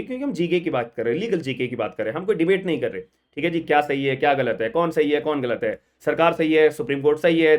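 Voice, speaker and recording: A man teaching an online law exam lecture, emphatic and repetitive, often asking the viewers questions. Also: fairly high pitch. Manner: emphatic, repeats "thik hai ji", quizzes viewers.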